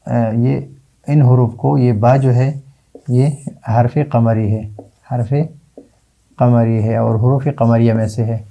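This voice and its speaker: A man teaching Arabic letters in a classroom lesson, slowly drawing out example words and answering his own questions. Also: mid-range voice, little pitch movement, gravelly, dark tone, lo-fi sound. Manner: slow, drawn-out repetition of example words.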